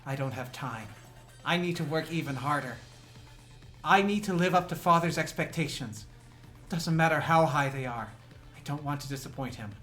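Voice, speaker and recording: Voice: medium pitch, expressive, moderate pace, pauses often, fairly bright tone, voice pushed up, natural voice. A streamer reading a diary entry aloud in character as a self-hating child desperate to please a father, speaking in a bitter, self-reproaching, intense way over faint game music.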